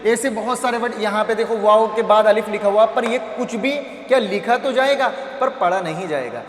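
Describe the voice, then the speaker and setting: A male Quran reading teacher with a high voice, speaking at normal speed, gives a slow phonics lesson on reading Arabic letters. He patiently repeats syllables and asks and answers his own questions, recorded in an echoey hall with faint ambience.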